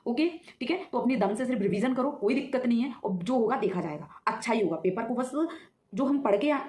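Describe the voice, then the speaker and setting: Fast-talking woman mentor in an echoey room. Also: mid-range voice, a little mellow, slight background noise. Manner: reassuring, repeats ok and theek hai often. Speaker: exam prep mentor. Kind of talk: motivational advice video. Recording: echoey room with faint ambience.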